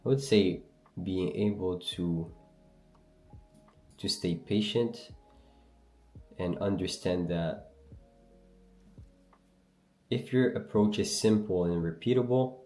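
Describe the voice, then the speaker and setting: The low, dark-toned voice of a young trading livestream host echoes in a reverberant room. He grew up in Canada after being born in Algeria, speaks Berber natively and has a French Canadian accent, keeping things loose and slangy as he reads the chat and replies to viewers.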